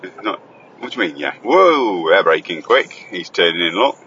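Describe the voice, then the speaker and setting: A man's voice: low voice, very animated, moderate pace, pushed and bright, highs cut off, a little hiss or hum. A man chatting and joking as he hosts his own school-run recording from the car, teasing and bantering. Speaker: host and father on the school run. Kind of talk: casual chat while driving. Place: inside a car on the road. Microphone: phone voice recorder.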